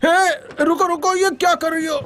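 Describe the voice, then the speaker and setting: A man's voice: very high-pitched, fairly even intonation, moderate pace, fairly bright tone, slight background noise. A woman dubbing a scared captured male crook who pleads and stammers, in a Hindi film dub. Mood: pleading.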